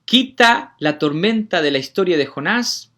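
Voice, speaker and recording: A man's voice: high voice, expressive, measured pace. A man preaching a sermon as pastor, firing rhetorical questions and talking straight to the congregation. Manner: swings between hushed asides and loud emphatic declarations; rhetorical questions, addresses listeners directly.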